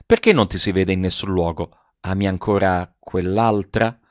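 A man reading aloud voices a mysterious, proud masked noblewoman, speaking in a secretive, softly reproachful way. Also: low voice, fairly even intonation, normal speed, no room sound, natural voice. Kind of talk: audiobook reading. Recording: dull lo-fi recording.

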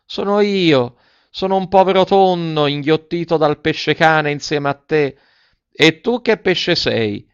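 A man's voice: a little high, slow pace, clean tone, no echo, voice pushed up. A man voicing a resigned, philosophical tuna fish with a cracked, twangy voice like an out-of-tune guitar. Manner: calm, resigned and wry. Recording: dull, dry audiobook recording.

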